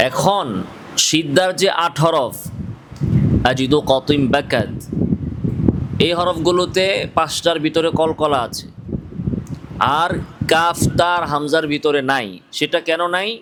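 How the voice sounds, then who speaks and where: A man's voice: fairly high pitch, fairly bright tone, slight background noise. A man with a Bangladeshi Bengali accent teaching a class on how to pronounce Quranic letters. He asks the students questions, answers them himself and demonstrates each sound aloud. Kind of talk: classroom tajweed lesson.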